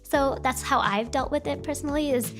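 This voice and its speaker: Talking a little fast in a high-pitched, slightly broken voice, a woman VTuber rambles through a casual stream. She's chatty, responds to her chat, and faint music sits in the background.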